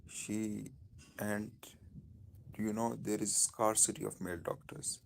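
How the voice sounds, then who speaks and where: A man with a Pakistani accent speaking informally on a live stream, in halting, repetitive phrases. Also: on the low side, level tone, creaky, a little hiss or hum.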